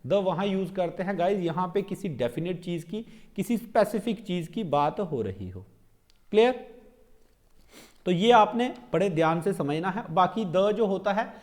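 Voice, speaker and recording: Very animated and high-pitched, with a darkish tone, a young man gives an exam-prep English grammar lesson in a mix of Hindi and English. After every point he checks in with the students, slowing down whenever he spells out example sentences.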